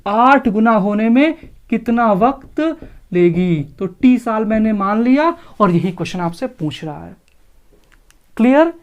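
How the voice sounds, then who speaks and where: Teaching maths online for exam prep, a man walks through each step slowly and keeps asking if his students are following along. He has a very high-pitched voice.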